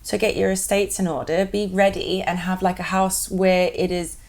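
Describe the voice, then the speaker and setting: A woman from Zimbabwe co-hosting a casual chat, talkative and quick to laugh. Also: on the low side, little pitch movement, a little mellow. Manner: chatty, laughs often, speeds up when keen. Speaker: co-host.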